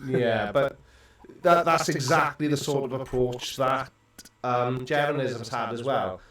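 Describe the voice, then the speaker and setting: A man's voice: medium pitch, a little slow, fairly bright tone. A man from Wales, chatting wryly as co-host of an online call, his voice carrying a cave-like echo. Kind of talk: casual livestream chat. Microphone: home computer mic over an online call. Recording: echoey room, voice far from mic.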